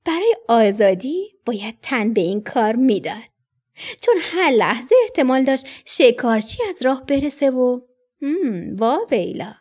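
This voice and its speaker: A woman narrating a children's story expressively, dropping to a whisper at tense moments. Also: a little high. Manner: expressive, dips into whispers for suspense.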